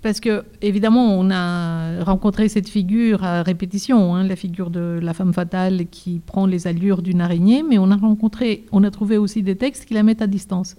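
Literary co-host, woman; explains then reads aloud, warm and relaxed. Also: medium pitch, moderate pace, hardly any pauses. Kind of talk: literary discussion and reading aloud.

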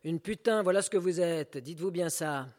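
A man's voice: on the high side, normal speed, a little mellow, lightly acted. Man playing a jeering street thug. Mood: taunting. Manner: mocking, insulting. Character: jeering male street thug, taunting, coarse.

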